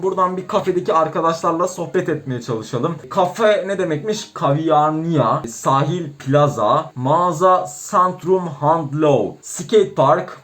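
A young man with a high voice talks through a game as a YouTuber, chatty and playful. He jokes straight to his viewers as friends and stumbles over foreign words he reads aloud. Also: fairly bright tone. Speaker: gaming YouTuber. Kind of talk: let's play commentary.

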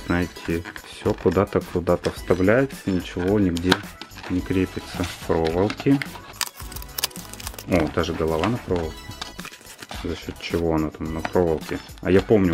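Casting: male unboxing reviewer, deep pitch, casual commentary with murmured asides, music underneath. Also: steady tone, normal speed. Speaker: doll reviewer, unboxing host.

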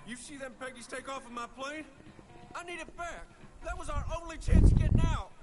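An actor playing a desperate, rugged video game pilot who pleads urgently and swears. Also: male voice, extremely high pitch, brisk, over music.

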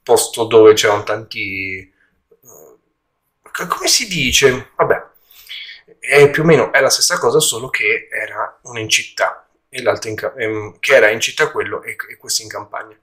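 A man giving a casual spoken film review, haltingly, often searching for words, in a slightly echoey room. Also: medium pitch, fairly bright tone. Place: indoor room at home during a move.

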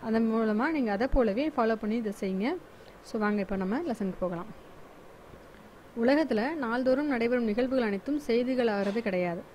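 A woman's voice: on the high side, fairly quick, darkish tone, slight background noise, low-quality recording. A woman explaining a school lesson in a chatty, repetitive way, often restarting her words. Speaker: teacher.

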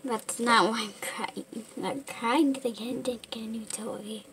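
A woman voicing a heartbroken teenage daughter who talks in a whiny, halting way, often half-whispered, in a homemade toy figure film. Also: fairly high pitch, low-quality recording. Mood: upset. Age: teen. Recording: home recording with steady background noise.

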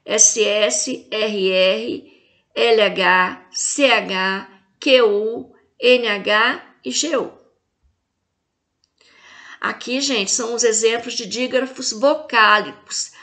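Woman teacher, Brazilian Portuguese accent, slow and careful, spells out letters, stresses each word. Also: fairly high pitch, pushed and bright. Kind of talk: slow video lesson for young children.

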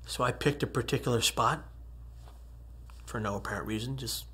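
Husky man telling his story earnestly. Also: mid-range voice, normal speed. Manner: earnest storytelling, swings from quiet whispers to emphatic rises. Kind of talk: personal testimony talk.

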